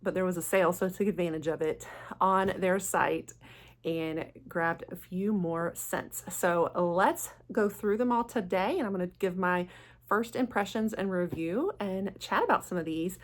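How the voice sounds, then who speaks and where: Female product-review host, lowish register, chatty and enthusiastic, informal delivery. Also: normal speed. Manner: gushing, enthusiastic. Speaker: fragrance vlogger, channel host.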